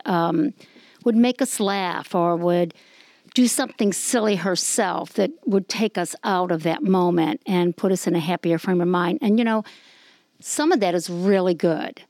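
A woman tells her personal story candidly to a faith discussion group, pausing on ums. Her voice sits low and has a gravelly edge. The recording is dry. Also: darkish tone, no echo.

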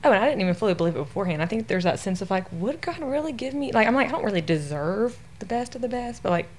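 Fast-talking, chatty woman host. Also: mid-range voice, expressive, a little hiss or hum. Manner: quick, chatty, with frequent "like". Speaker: podcast host, play therapist. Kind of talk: casual podcast conversation.

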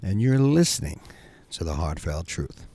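A man's voice: deep voice, big pitch swings, normal speed, creaky, warm tone, slightly rough, dry recording. A middle-aged man hosting a casual solo podcast outdoors in his backyard, rambling conversationally with frequent asides to listeners. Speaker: podcast host. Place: outdoors in a quiet home backyard.

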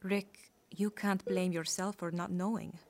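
An actress playing a grieving mother in an audio drama, speaking softly and steadily to console someone. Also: medium pitch, flat delivery, measured pace, crowd noise, natural voice. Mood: grieving, gentle.

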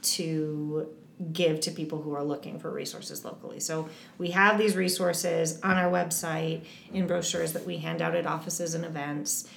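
Speaking as a guest in a casual interview, a woman who advocates on eating disorders talks earnestly and encouragingly about her work, frequently restarting sentences. Her voice is low and gravelly, with fairly even intonation and a normal speed. The recording sounds roomy and carries a slight hiss or hum.

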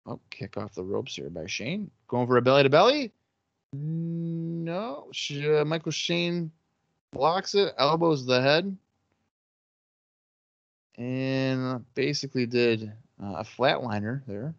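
A man's voice: mid-range voice, lively intonation, takes it slowly, gravelly, no echo. Joking, swearing man calling wrestling. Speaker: podcast co-host watching wrestling. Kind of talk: casual chat and play-by-play. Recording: dull lo-fi dry sound.

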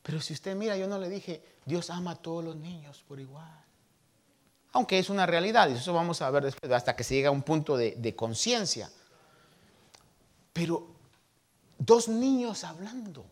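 A man's voice: a little high, moderate pace, long pauses. Storytelling male pastor preaching. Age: 30s. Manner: storytelling, animated voices for quoted people. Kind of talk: sermon.

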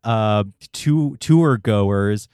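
Man, podcast host, casual storyteller, fairly low voice, dry sound. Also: very slow, a little mellow, clear, resonant tone, no echo. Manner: chatty storytelling, swears casually. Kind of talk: casual interview chat.

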